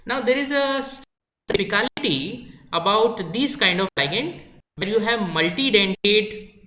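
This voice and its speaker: A woman's voice: mid-range voice, animated, unhurried, sharp tone. A woman giving a chemistry lecture, explaining step by step and repeating key points, slipping into Hindi now and then. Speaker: chemistry teacher. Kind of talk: classroom lecture. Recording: echoey room.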